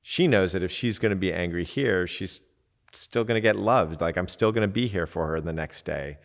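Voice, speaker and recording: A man, a podcast host and coach, giving relaxed, candid advice in casual talk, swearing now and then and acting out little quotes. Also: sits low, normal speed, vocal fry, in a large hall.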